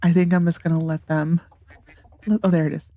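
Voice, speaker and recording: In a mellow, fairly quick voice that sits on the low side with little pitch movement, a woman with a congested, nasal sound chats casually while playing a farming game. She's a let's play gamer thinking aloud, full of ums and restarts, and there's no room sound.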